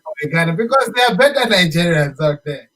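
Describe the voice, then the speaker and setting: This Zambian musician, a guest on a show, talks fast with a high, animated, somewhat bright voice. Chatting casually in the interview, he hammers home his points by repeating them and drops in local phrases.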